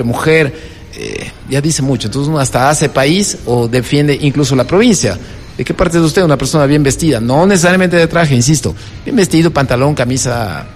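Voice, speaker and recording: A man talking as a guest in a casual conversation, lively and acting out little dialogues. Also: mid-range voice, big-room sound, a little hiss or hum. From Ecuador. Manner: animated, acts out quoted dialogue.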